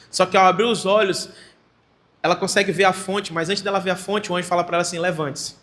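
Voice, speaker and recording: A man pastor with a Maranhão accent preaching a fervent sermon in church, often breaking into shouted exclamations. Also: high voice. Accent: Maranhão Portuguese.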